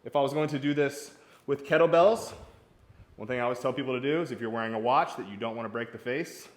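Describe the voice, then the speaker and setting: A man's voice: mid-range voice, fast talker. Man coaching golf workouts in echoey garage. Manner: casual and encouraging, talks while demonstrating. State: out of breath. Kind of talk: exercise demonstration. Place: hot home garage gym.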